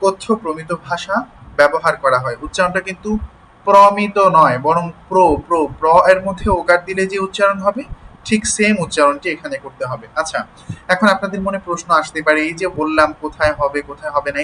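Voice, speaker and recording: A man's voice: fairly high pitch, pushed and bright, slight background noise, rough recording. A man teaching an online class. He explains patiently, spells words out sound by sound, and keeps checking that his students follow. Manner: explains slowly, checks in with "ঠিক আছে?".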